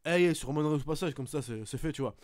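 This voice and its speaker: A man hosting a podcast, swearing often as he retells a wrestling match in an animated play-by-play. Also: a little high, fast talker, dry recording, studio quality. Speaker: podcast host. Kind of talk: casual podcast chat, excited match recap.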